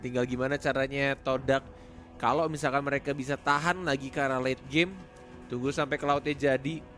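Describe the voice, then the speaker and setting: A man's voice: mid-range voice, flat delivery, brisk, fairly bright tone. A man giving conversational, analytical live game commentary as a match announcer. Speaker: esports shoutcaster, analyst. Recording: music behind the voice. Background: music.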